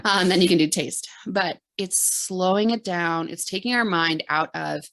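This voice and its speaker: A woman in her thirties co-hosts a relationship podcast, talking in a casual, animated way. Her voice sits a little low and has a gravelly texture. She makes emphatic points with quick asides. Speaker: podcast co-host, therapist.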